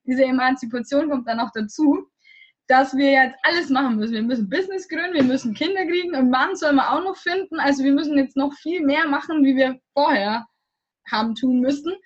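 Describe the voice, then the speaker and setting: A woman's voice: high-pitched, brisk, lo-fi sound. A young woman from Germany in her twenties, a guest chatting casually in an interview, rambling with many fillers.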